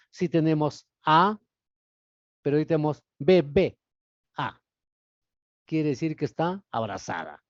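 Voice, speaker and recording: A male literature teacher giving a classroom lecture, explaining step by step and putting rhetorical questions to his class, his voice often trailing off softly at the ends of phrases. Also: on the high side, dry recording, muffled recording.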